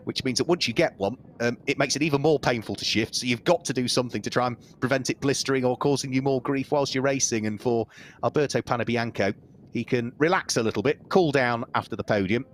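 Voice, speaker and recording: A man giving live motorsport commentary, steady and informative as he fills time between race and podium. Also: medium pitch, a little hiss or hum.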